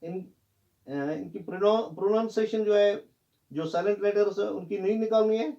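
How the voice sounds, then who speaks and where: A man's voice: high voice, moderate pace, dark tone, lo-fi sound. A man teaching pronunciation in Hindi, spelling words out letter by letter and correcting common mistakes. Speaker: English teacher. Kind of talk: classroom lesson on pronunciation.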